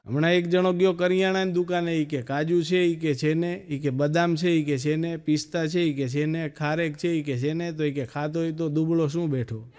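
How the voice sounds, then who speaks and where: A man with a Gujarati accent telling stand-up jokes, storytelling and acting out quick dialogue. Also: fairly high pitch, steady tone, a little mellow. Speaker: stand-up comedian.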